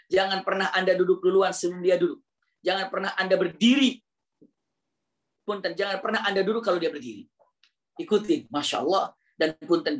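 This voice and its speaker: A man's voice: high-pitched, fairly bright tone. Emphatic male preacher, tinge. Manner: slow, emphatic, repeats phrases, acts out dialogue. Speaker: Islamic preacher. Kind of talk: sermon. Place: mosque study gathering.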